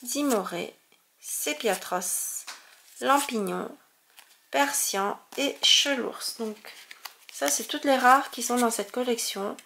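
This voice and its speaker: A woman's voice: fairly high pitch, slow pace, gravelly, pushed and bright, a little hiss or hum. A woman chatting casually as she opens trading cards, exclaiming over each one and stumbling over hard names. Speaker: card-opening video host. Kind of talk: casual card-unboxing commentary.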